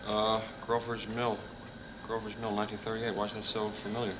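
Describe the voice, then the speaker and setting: A man playing a low, muttering neurosurgeon. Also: monotone, a little fast, lightly acted. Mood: puzzled. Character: quirky, distracted male neurosurgeon adventurer. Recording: noisy film soundtrack clip.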